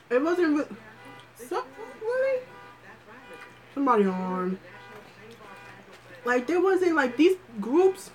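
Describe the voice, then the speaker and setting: A woman's voice: high voice, poor audio. A woman hosting a casual livestream chat, rambling and thinking aloud in slangy, profane talk with many fillers and restarts. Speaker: livestream host.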